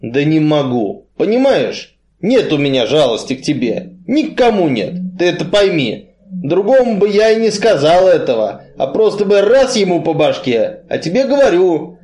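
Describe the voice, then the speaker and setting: A big, gloomy strongman with a muffled, blunt way of speaking, voiced by a man reading aloud. He talks slowly and heavily, and his voice sits a touch high. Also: big pitch swings, darkish tone. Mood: grim. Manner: muffled, blunt, slow and heavy.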